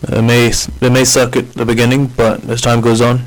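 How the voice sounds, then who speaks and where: A man's voice: medium pitch, monotone, brisk, poor audio. A man hosting a video, giving viewers matter-of-fact advice and commentary.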